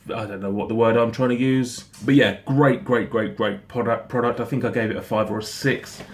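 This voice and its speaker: A man giving a casual snack review in a halting, rambling way, often repeating himself. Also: mid-range voice, fairly even intonation. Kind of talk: casual product review chat. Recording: noticeable background noise.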